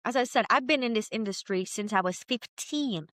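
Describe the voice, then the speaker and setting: A woman in her thirties with a Jamaican accent, telling her story as a podcast guest in a lively, chatty way. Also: a little high, normal speed, no room sound. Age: 30s. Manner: lively, chatty, quotes herself often. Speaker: guest entrepreneur. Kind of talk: candid storytelling interview.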